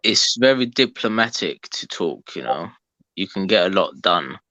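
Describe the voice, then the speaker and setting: Man, low bright voice, dry close sound, hesitant casual chat on a call. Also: very animated, normal speed, dry recording, low-quality recording. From London, England. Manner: hesitant, many ums and restarts.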